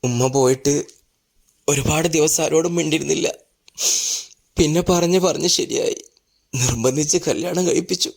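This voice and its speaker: A middle-aged actor playing a gentle, devoted grown son, speaking softly and earnestly in a family drama. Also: male voice, fairly high pitch, normal speed, creaky, long pauses. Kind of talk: Malayalam family drama acting.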